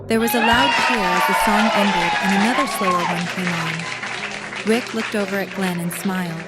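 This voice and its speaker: Behind this scripted audio-drama narration, music plays and a crowd chatters as if at a party. The female narrator speaks at medium pitch and a moderate pace.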